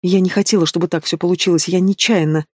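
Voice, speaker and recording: A man's voice: fairly high pitch, fast, darkish tone, slightly rough, no room sound, clean studio sound. A man doing a frightened pleading young woman. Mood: tearful. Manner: pleading, tearful.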